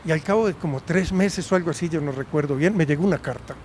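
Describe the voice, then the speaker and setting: Man in his 60s, raised pitch, reflective storyteller tone, faint street noise behind. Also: fast talker, darkish tone. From Medellín, Colombia. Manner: conversational, often checks in with a questioning "right?". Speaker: university professor. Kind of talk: storytelling in an interview.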